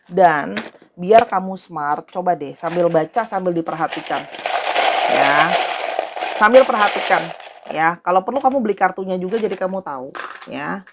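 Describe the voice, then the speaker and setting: A woman with a lowish voice does a casual tarot reading against a noisy background. She talks straight to her viewers in a friendly way and repeats herself a lot.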